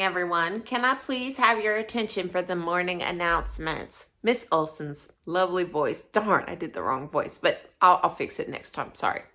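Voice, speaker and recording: A woman teacher reading a children's chapter book aloud, expressive, with casual asides between passages. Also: medium pitch.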